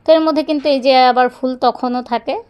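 A woman's voice: high voice, steady tone, fast, a little mellow, clear, resonant tone. A young woman vlogging in a casual, rambling way while walking outdoors, talking into a handheld phone. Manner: chatty, rambling, fond of filler phrases. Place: outdoors on a neighborhood walk.

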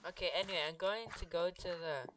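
Woman, lowish voice, casual game commentary, jokey, half-finished sentences, noisy computer mic hiss. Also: steady tone, fast, a bit bright. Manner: chatty, joking, trailing off mid-sentence. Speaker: gaming video host. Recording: noisy home computer recording.

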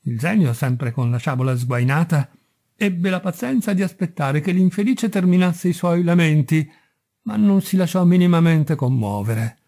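A man narrating a storybook audiobook in a steady, measured reading. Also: fairly high pitch. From Italy. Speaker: audiobook reader.

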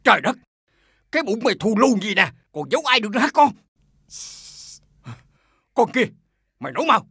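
A middle-aged man playing a widowed village father who scolds loudly and wails laments melodramatically, over faint music. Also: very high voice, breathy edge, no room sound, clean studio sound, full character voice.

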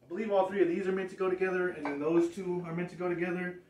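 A man's voice: high-pitched, little pitch movement, racing, a little mellow. A man in his thirties casually showing off thrift finds, rambling and restarting his phrases, in a living room filmed by a distant camera. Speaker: thrift reseller showing a haul. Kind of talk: casual show-and-tell. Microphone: far camera. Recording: echoey room, far from mic.

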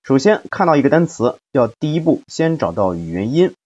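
A man at a middle pitch teaches an English phonics lesson. He explains each step patiently and stretches out individual sounds as he drills syllables. The audio is slightly dull and lo-fi. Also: sing-song, normal speed, a little mellow, breathy edge.

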